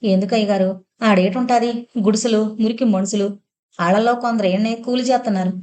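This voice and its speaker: A humble male village servant in a storybook audio novel, talking in a plain countrified way and always deferring to his betters, as a woman narrator reads him. The voice is mellow and warm rather than bright, with an ordinary middle pitch. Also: steady tone, a little fast, lightly acted. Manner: deferential rustic dialect speech.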